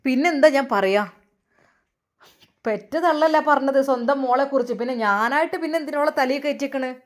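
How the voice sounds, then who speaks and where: A woman's voice: high-pitched, normal speed, natural voice. A woman voicing a bitter, angry young husband who talks bluntly and with scorn. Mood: scornful.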